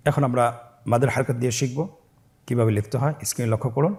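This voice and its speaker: A man teaching Quran reading, spelling out letters and syllables slowly for listeners to repeat after him, stretching each joined word. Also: medium pitch, steady tone, darkish tone. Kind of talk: slow recitation lesson with call-and-repeat drills.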